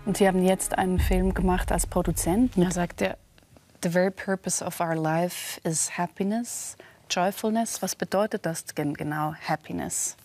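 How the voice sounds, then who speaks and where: A woman interviewer asking calm, measured questions. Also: fairly low pitch.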